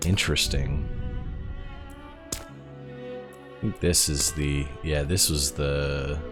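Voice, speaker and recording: A man with a low voice streams a video game, musing aloud in a slow, halting way. Faint music sits behind his casual commentary. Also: steady tone.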